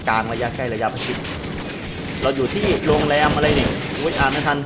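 A man talks through a shooter game in a steady mid-range voice, throwing out excited, slangy reactions as he plays. Game gunfire and explosions roar clearly behind his voice throughout. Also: medium pitch, a little fast, heavy background noise. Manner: excitable, loose slangy exclamations. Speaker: gamer translating a game into Thai. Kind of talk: live gameplay commentary. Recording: voice over loud game gunfire.

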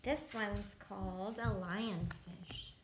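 At a table in her home, a woman in her thirties reads a picture book aloud to little kids, adding easy explanations and questions. Her medium-pitched voice has fairly even intonation and a slow pace. The recording is noisy and the room echoey.

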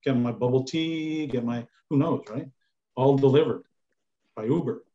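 Over slightly dull video-call audio, an older chef on a panel gives his opinions from indoors, often repeating words for emphasis. His voice is warm and medium-pitched, with a moderate pace.

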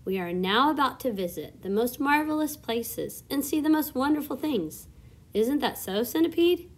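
A woman voicing a kind and gentle female ladybug in a storybook reading, speaking in a soothing, reassuring way. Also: high voice, sing-song, moderate pace, voice pushed up, full character voice.

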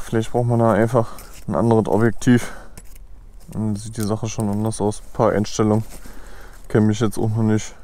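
A man chatting casually to viewers in a slangy, offhand way, thinking aloud as a motovlogger outdoors. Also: medium pitch. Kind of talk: casual vlog chat while riding. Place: outdoors on a moped on country roads. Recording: loud engine and wind noise.

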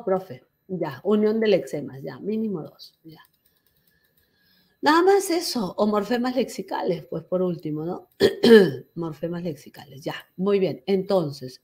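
Husky woman, slow unhurried delivery, teasing language teacher. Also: on the low side, a little mellow. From Peru. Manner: teasing, chatty, addresses students as "hijo". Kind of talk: online class lecture.

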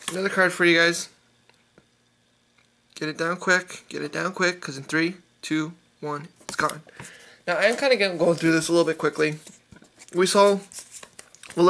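Male YouTuber, upbeat pack-opening commentary, bright tense tone, light background hiss. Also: fairly high pitch. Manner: rapid-fire listing of card names, enthusiastic. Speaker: YouTuber opening trading card packs. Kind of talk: casual card-opening commentary.

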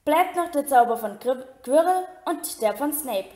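A clever, brisk schoolgirl witch explaining matter-of-factly, as a woman reads her aloud. The voice sits a little high, with a roomy echo around it in this storybook reading. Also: animated, a little mellow.

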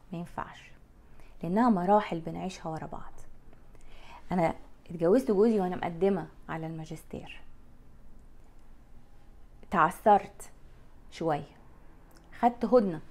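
A woman's voice: on the low side, gravelly, darkish tone. Frank Egyptian woman talking to camera. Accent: Egyptian Arabic. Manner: frank, blunt, gestures with her hands. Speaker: life coach vlogger. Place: bright room by a window. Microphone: lapel mic.

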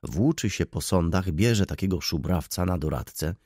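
A man voicing a dryly sarcastic middle-aged lawyer making quiet asides. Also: low voice, animated, moderate pace, slightly rough, dry recording, studio quality. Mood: wry aside. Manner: wry, aside-like.

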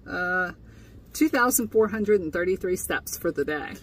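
A woman's voice: on the low side, expressive, normal speed, breathy edge, far from the mic. Chatty young woman vlogging from a tent. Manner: chatty, with frequent fillers and laughs. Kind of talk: casual vlog recap. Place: inside a tent, small and indoors.

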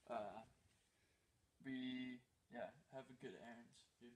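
In a mid-range, steady voice close to how he'd normally talk, a young man speaks at a slow pace. He plays a boastful, oblivious slacker on a smug, rambling, laid-back tour of his cluttered basement, proudly repeating "wicked convenient," as the other man holds a phone camera to film him.

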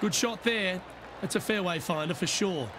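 A man playing a measured, approving TV golf commentator, giving short play-by-play remarks in a video game. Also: high voice, very noisy, close to an everyday voice. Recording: game music and crowd ambience behind. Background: music, crowd, outdoor course ambience.

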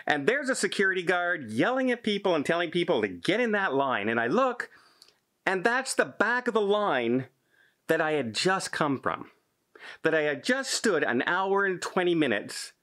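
A man's voice: a little high, a bit bright. A man in his fifties from Canada, a travel vlogger telling an exasperated story straight to camera, gesturing as he retells an argument.

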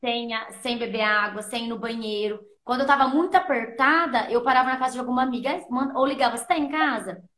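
A woman's voice: a little high, fast, few pauses, a bit bright. A woman guest on a podcast, earnestly telling her own story in a casual interview and replaying her past thoughts as quotes. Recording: roomy echo.

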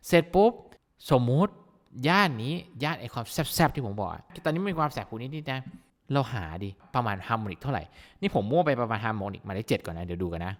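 A man teaching vocal mixing in a casual, excitable way, breaking into amazed exclamations as he demonstrates a plugin. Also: mid-range voice, big-room sound. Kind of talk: plugin tutorial explanation.

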